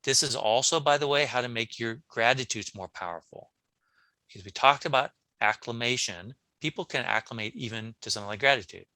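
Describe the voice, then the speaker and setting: A man, a brain coach on a podcast, talking casually in an interview, telling animated stories with frequent restarts. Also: mid-range voice, a little fast, dry recording. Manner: animated storyteller, many restarts.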